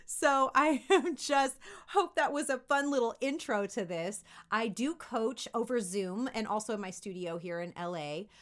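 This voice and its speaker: A woman working as a voice acting coach gives an informal tutorial to camera, speaking directly and expressively to kids and parents with encouragement. Her fairly high, slightly bright voice is expressive and unhurried, with hardly any pauses.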